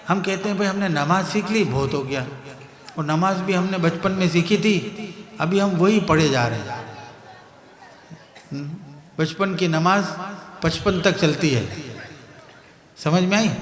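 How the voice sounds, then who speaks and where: High-pitched and heavily reverberant with a long tail, the voice belongs to a Pakistani guest preacher with an Urdu accent. He repeats key phrases while telling parables in his sermon and keeps checking that the gathered crowd understands.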